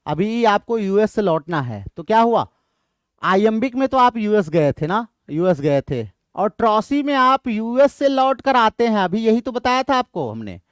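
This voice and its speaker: A man's voice: high-pitched, very animated, normal speed, smooth, no echo, studio quality. A man with an Indian English accent teaching an exam-prep lesson. He repeats his points often and asks questions that he answers himself.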